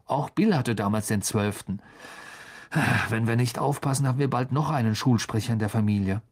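A man's voice: mid-range voice, darkish tone, husky, natural voice. A man voicing a cheeky, teasing teenage wizard boy in a storybook. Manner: teasing, quick and mocking.

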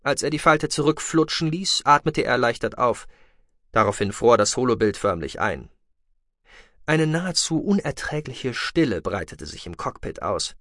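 A man reading a science-fiction audiobook in a steady, measured storytelling manner. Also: mid-range voice, dry recording, studio quality. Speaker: audiobook narrator. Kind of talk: scripted audiobook narration.

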